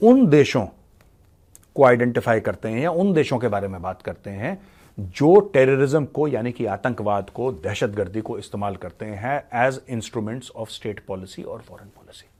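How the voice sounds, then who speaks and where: A man giving blunt, scornful political commentary, mixing in English phrases and reading quotes out slowly. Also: lowish voice, a little mellow, husky. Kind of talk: opinionated commentary.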